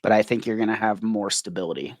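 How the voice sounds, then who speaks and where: This co-host of a relaxed sports podcast speaks quickly in a lowish voice. He holds forth in long stretches and habitually caps his remarks with an inquiring "right?".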